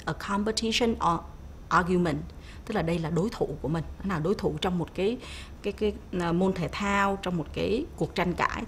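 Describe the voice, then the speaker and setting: A woman with a Vietnamese accent, teaching English vocabulary on an educational TV lesson, saying English words slowly and clearly and explaining them more quickly. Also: medium pitch, slight background noise. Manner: slow clear English drills, quicker asides. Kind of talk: bilingual classroom lesson on TV.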